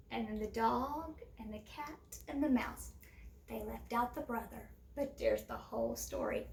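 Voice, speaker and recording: Animated woman reading a fairytale aloud. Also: high-pitched, vocal fry, slight background noise. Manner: animated, sing-song storybook delivery; chatty, addresses children directly. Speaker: storyteller. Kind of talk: reading a picture book aloud. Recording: roomy echo, a distance from the mic.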